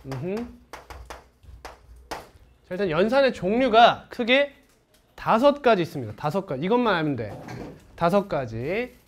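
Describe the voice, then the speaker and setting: Lively male math teacher with a swinging pitch. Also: a little slow, long pauses, a little hiss or hum. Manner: lively teacher who asks the class questions and answers them himself. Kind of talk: classroom math lecture.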